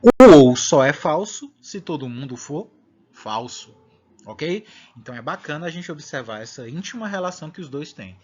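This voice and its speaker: A man's voice: a little high, expressive, normal speed, darkish tone. A Brazilian man teaching a discrete math lecture, explaining step by step and often checking in with his listeners. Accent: Brazilian Portuguese. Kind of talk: recorded online lecture. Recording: dull lo-fi recording.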